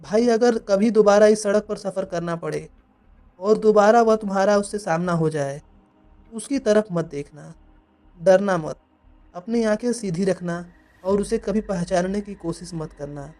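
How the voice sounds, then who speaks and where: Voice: medium pitch, unhurried, mellow, lightly acted. A narrator voicing a solemn dhaba owner. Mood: warning. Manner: earnest, cautionary. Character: roadside dhaba owner, a man giving grave warning.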